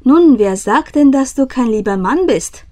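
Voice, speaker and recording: A woman voicing a kindly but commanding female winter spirit in a storybook reading, friendly and insistent, pitched well above her narrating voice. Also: expressive, a little slow. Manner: friendly, persistent, high and bright.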